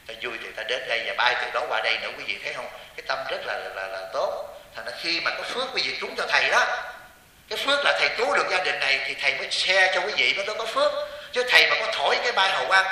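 A man giving a Buddhist sermon in a high, piercing voice, teasing his listeners and tossing them rhetorical questions. His words bounce around a hall that rings with long reverb. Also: pushed and bright, far from the mic. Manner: joking, with rhetorical questions to the audience. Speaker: Buddhist monk teacher. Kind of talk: sermon to lay followers.

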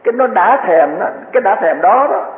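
A man's voice: sits high, lively intonation, fairly quick. A man giving a Buddhist sermon, earnest and repetitive, full of vivid everyday examples. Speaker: Buddhist dharma teacher. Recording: tinny phone-like echoey hall.

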